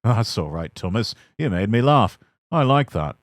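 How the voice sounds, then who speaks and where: A grand, booming male engine from a storybook who chortles and pronounces, put on by a man reading. The voice moves widely in pitch. Close and dry, with no room sound. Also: big pitch swings, moderate pace, no room sound. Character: big proud grand male express engine. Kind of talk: storybook character voice.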